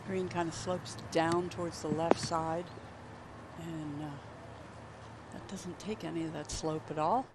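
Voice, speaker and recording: This male golf commentator talks conversationally through shots and greens in a steady tone at a measured pace. For a man his pitch is notably high, and heavy outdoor background noise surrounds his voice.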